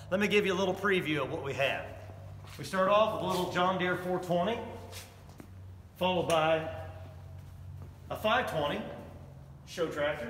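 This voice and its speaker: A man's voice: on the high side, fairly bright tone, a little hiss or hum. A middle-aged man, an auctioneer giving an upbeat sales walkthrough of items, filmed in a large barn. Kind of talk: promotional walkthrough. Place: large barn and indoor toy room. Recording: echoey barn with long reverb.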